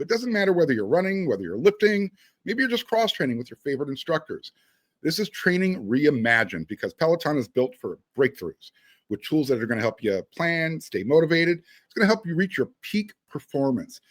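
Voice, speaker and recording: With a voice on the high side and no echo in the recording, a male sports podcaster talks in a casual, emphatic manner. Between the sports chatter, he reads out sponsor spots.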